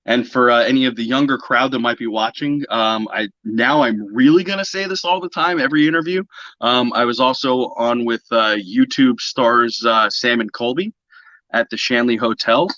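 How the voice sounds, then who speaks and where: Male podcast guest, medium pitch, casual talker, close dry sound with dulled audio. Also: normal speed, sharp tone, no echo. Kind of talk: casual conversational interview. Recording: slightly dull, lo-fi audio.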